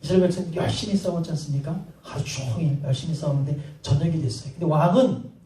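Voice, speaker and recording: A male pastor preaching a sermon, telling a story with lively acted-out dialogue and asking the congregation questions. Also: on the high side, fast talker. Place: church sanctuary. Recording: roomy hall sound from a distant mic.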